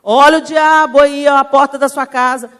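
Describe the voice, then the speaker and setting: A woman's voice: high voice, fairly even intonation, normal speed, a bit bright, in a large hall, pitched above the performer's own voice. A woman preacher voicing God as a frank, fatherly male figure who coaxes in slangy words. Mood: warning. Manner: blunt, coaxing, slangy.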